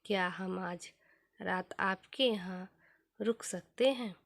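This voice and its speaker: A woman voicing a calm, wise male guru in a motivational story, with plain, measured delivery. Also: medium pitch, creaky, dry recording, studio quality. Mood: calm questioning.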